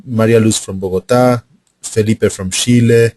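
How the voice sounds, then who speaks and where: A man hosting and moderating an online webinar through a computer mic, speaking haltingly with fillers and repeated starts. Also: lowish voice, steady tone, darkish tone, no echo. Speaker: webinar host. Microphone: computer mic on an online call.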